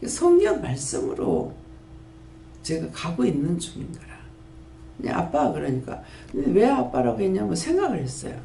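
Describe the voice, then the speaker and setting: A woman's voice: moderate pace, vocal fry, a little hiss or hum. A woman in her fifties with a Gyeongsang accent, giving an earnest sermon testimony as pastor of a prayer house. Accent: Gyeongsang Korean. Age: 50s. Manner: earnest, storytelling, lively pitch swings. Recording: echoey room with faint ambience.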